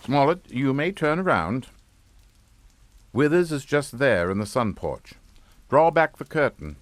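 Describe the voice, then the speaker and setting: An actor playing a calm, menacing middle-aged father in a suspense radio drama, with clipped, authoritative delivery. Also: mid-range voice, measured pace. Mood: commanding. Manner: clipped, authoritative, matter-of-fact.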